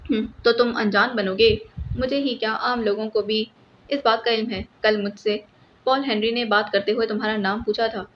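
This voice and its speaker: A woman's voice: fairly high pitch, fairly even intonation, natural voice. A woman reading a hot-tempered police superintendent. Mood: angry. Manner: angry scolding tone. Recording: slightly muffled with faint hiss.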